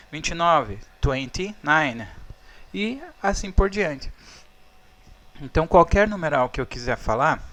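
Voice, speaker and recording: A man's voice: on the high side, fairly bright tone. A Brazilian man, a native Portuguese speaker, teaching English numbers in a patient, explaining way over slides. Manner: patient, checks in with "tá?" and "ó".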